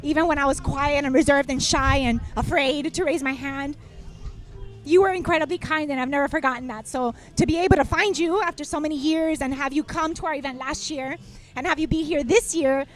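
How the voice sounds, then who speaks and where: A woman's voice: high-pitched, fairly quick, faint music behind. A woman in her thirties, a guest on a talk show who founded a kindness movement, tells a heartfelt story and acts out the quotes, near tears. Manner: warm, tearful, acts out quotes. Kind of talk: emotional storytelling interview.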